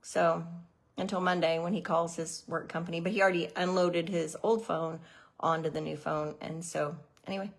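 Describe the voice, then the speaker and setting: A woman's voice: on the low side, steady tone, moderate pace, gravelly. Chatty, slightly breathless middle-aged woman. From Missouri, USA. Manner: chatty and rambling, many ums and restarts. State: a little out of breath. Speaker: card-making livestream host. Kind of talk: casual livestream chat.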